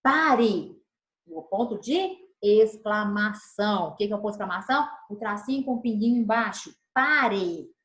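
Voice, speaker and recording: A woman's voice: mid-range voice, brisk, few pauses, roomy sound, low-quality recording. A woman teacher, giving a recorded video lesson and gesturing as she explains. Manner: animated, gestures while explaining; acts out tones of voice as examples. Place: room, recording alone.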